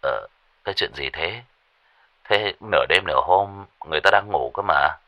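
A man voices a sleepy young male shaman, grumpy at being woken. He speaks in a low, soft mumble. The voice stays calm and unhurried. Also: dry recording, dull audio. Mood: drowsy.

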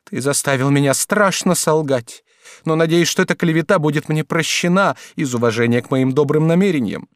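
A man voicing a timid, frightened young woman who pleads in a drawn-out high voice. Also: no room sound, clean studio sound, lightly acted. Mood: ashamed.

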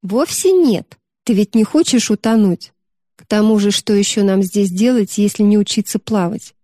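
A woman voicing a gentle, responsible teenage older sister who coaxes patiently. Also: mid-range voice, normal speed, no room sound, clean studio sound, natural voice. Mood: coaxing. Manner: patient, coaxing.

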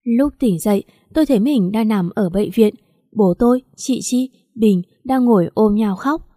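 A woman reading a first-person story aloud in steady, earnest narration. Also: fairly high pitch, normal speed, no echo, clean studio sound. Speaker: story reader.

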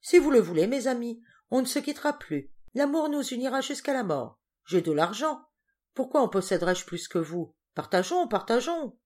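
A woman reads out a poor, shabby little man who has come into a fortune and is drunk on it, loudly proclaiming brotherhood and love to everyone in a café. The voice is raised, exalted and gushing, with a sing-song lift. This is a storybook figure in a read novel. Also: fairly high pitch, big pitch swings, moderate pace, voice pushed up. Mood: exultant, effusive. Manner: loud, exalted declaiming.

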